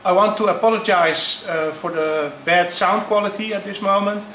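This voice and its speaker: A man starting a YouTube channel, talking in a halting, unpolished way with frequent pauses. He is recorded through the low-quality built-in mic of his camera. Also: steady tone, pushed and bright, far from the mic. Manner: halting, unpolished, pausing often. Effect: low-quality sound from a built-in camera mic. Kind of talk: casual unboxing vlog. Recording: echoey, low-quality camera audio with faint background noise.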